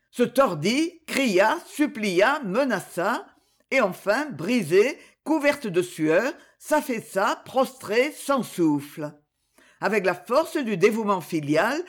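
A woman's voice: mid-range voice, breathy edge. Woman reading a novel aloud, really dramatic, voice jumps around a lot. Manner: expressive, theatrical. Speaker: audiobook narrator.

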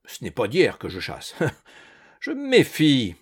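A man voicing a suspicious old male landowner hunter who shouts and blusters, making angry accusations. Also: mid-range voice, very animated, measured pace. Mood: furious.

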